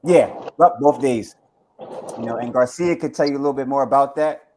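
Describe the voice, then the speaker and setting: A man's voice: mid-range voice, brisk, noisy background. A man on a remote call as a podcast guest, laid-back and agreeable, with hesitant fillers. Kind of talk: casual chat.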